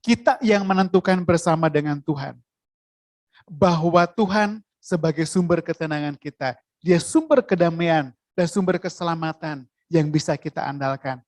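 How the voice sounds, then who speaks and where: A preacher giving a sermon, in a lively way, asking the listeners questions. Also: mid-range voice, a little slow, dry recording.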